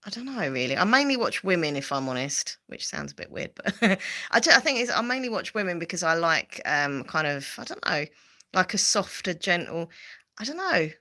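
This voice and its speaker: Essex woman host, low and bright-toned, rambling casual chat, lots of fillers. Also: very animated, normal speed. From Southend, England. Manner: rambling and chatty, with frequent fillers and repeats. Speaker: livestream host.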